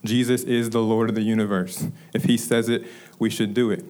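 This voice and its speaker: A man's voice: lowish voice, little pitch movement, darkish tone. Man preaching an emphatic sermon. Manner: storytelling, emphatic, slows down to stress key phrases. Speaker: preacher, ministry director.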